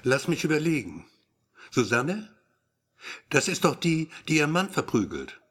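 A man's voice: on the high side, sing-song, measured pace, a bit bright, exaggerated voice. A man reading a lazy, teasing male friend in an audiobook, with a grumbling, teasing manner.

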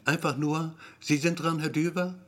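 An anxious man in his thirties speaks tensely and defensively, read in the narrator's own plain voice. His lines rise and fall in lively swings. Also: mid-range voice, a little slow, breathy edge, full character voice. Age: 30s. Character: anxious 32-year-old man waiting at doctor's.

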